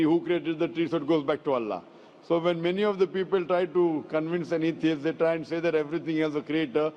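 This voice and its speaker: A man's voice: fairly high pitch, a little mellow. Man answering questions in a reverberant hall. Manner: measured, explanatory, repeats points. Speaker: speaker answering audience questions. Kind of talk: public Q&A lecture. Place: large lecture hall. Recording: dull hall recording with long reverb.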